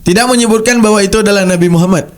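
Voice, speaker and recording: A man's voice: high-pitched, racing. A man giving emphatic religious commentary on a video, repeating words for stress and mocking his opponents.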